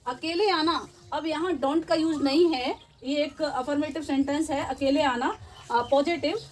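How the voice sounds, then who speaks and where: A woman teacher, explaining short sentences step by step and repeating each phrase slowly. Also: sits high. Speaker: English teacher. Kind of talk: spoken English lesson.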